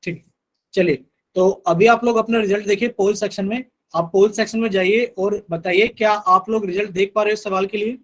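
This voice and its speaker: A man's voice: sits high, steady tone, fairly quick, rough recording. A man teaching a live online math class, patiently repeating instructions to his students.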